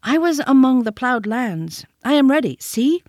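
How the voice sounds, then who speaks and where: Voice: medium pitch, big pitch swings, moderate pace, no room sound, clean studio sound. A storybook reader voicing the young man-cub Mowgli, bold and challenging. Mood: eager. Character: fierce young man-cub boy, defiant.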